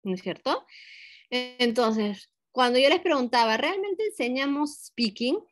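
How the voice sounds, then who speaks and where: A woman's voice: high voice, expressive, measured pace, no echo. A woman who teaches English, explaining a lesson to fellow teachers step by step, often ending points with tag questions and mixing in English teaching terms. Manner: mixes English teaching terms into her speech. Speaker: English teacher giving a training session.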